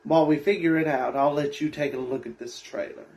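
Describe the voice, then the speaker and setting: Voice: medium pitch, fairly quick, a little mellow. A campy drag queen hosting a horror show with theatrical, sassy comic patter. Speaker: host of a horror film show.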